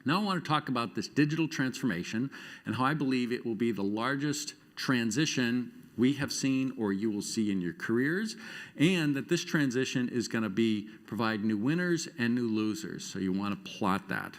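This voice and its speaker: A middle-aged man speaks from a conference stage with an animated, self-deprecating storytelling manner. His pitch swings widely as he drives his points home. He drops in wry asides along the way. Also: normal speed. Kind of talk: conference keynote talk. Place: conference stage before an audience.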